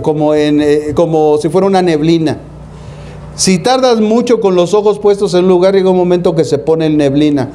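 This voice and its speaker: A man's voice: high-pitched, warm tone, slight background noise. A man with a Mexican accent, preaching as pastor. He talks in a folksy, colloquial way, calls out to his listeners as brothers and asks them questions. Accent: Mexican Spanish. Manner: folksy, colloquial preaching that slips into street slang; rhetorical questions, calls the congregation "hermano". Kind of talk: sermon.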